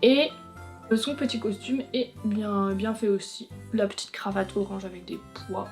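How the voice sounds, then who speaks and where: A young woman chatting casually as a vlogger, reviewing figurines in a frank, teasing way that is quick to complain. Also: mid-range voice, a little mellow. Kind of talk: casual chatty unboxing commentary. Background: faint background music.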